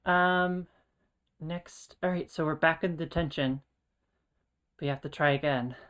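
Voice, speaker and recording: Low-voiced woman player. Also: measured pace, fairly bright tone. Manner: matter-of-fact, steering the group. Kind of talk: casual tabletop game play.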